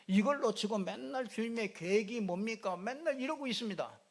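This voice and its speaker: A man's voice: high-pitched, expressive, a little fast. A middle-aged male pastor preaching a sermon in a chatty, joking way, repeating little fillers as he goes. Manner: conversational and joking, repeats fillers, mimics regional speech. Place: church sanctuary.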